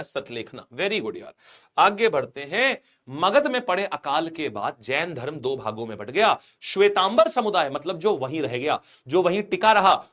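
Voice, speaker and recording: A man lectures an online exam-prep class with a slightly high-pitched voice. He turns history into playful stories and acts out quotes along the way. He speaks warmly to his students, calling them "brother" and "child". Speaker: teacher.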